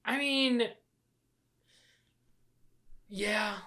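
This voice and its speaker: A young woman co-hosting a casual podcast, giving blunt, quick answers and giggling often. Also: fairly high pitch, sharp tone, slight background noise. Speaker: podcast co-host.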